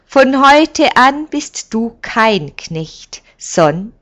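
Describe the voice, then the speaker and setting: A woman voicing an old male village elder who speaks in a firm, measured and kindly commanding way. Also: on the high side, sing-song, a bit bright, pitched above the performer's own voice, full character voice. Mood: warm.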